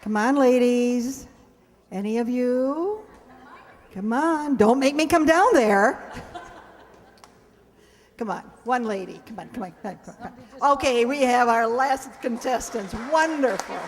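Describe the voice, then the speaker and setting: A woman with a slightly high, expressive voice takes her time as she hosts a live show in a hall. She addresses the audience informally and ad-libs asides, and the stage recording has hall reverb.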